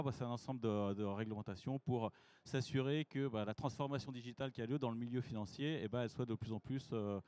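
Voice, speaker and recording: A technical director giving a conference masterclass. He speaks in an informal, lively way and asks the audience questions. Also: mid-range voice.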